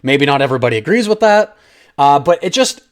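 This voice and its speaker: A film reviewer and channel host speaks in a fairly high, very animated voice at a quick clip. His unscripted video review is casual and opinionated, packed with slang, and he talks straight to viewers, calling them "guys."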